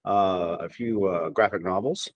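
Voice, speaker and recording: In a casual podcast chat, a Tennessee man speaks a little slowly in a deep voice, with a lo-fi sound to the recording. He's a guest who rambles hesitantly, restarting often and leaning on fillers.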